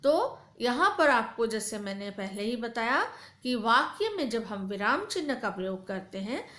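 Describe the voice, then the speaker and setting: A woman's voice: on the high side, big pitch swings, measured pace, a bit bright, reverberant. A woman teacher explaining a lesson to children in a patient, repetitive way. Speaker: school teacher.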